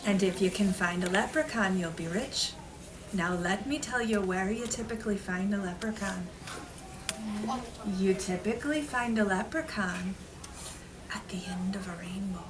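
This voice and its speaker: Telling stories to little kids at an elementary school, this woman speaks at a moderate pace with a medium pitch. She keeps things simple and repetitive, leaning on dramatic emphasis, and the mic is far off in a noisy room.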